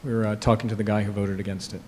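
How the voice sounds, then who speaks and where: A man presenting an application as an attorney at a public hearing, measured and full of "uh" fillers, in a courtroom-style recording. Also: fairly low pitch, little pitch movement, a little mellow. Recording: long reverb of a hearing room.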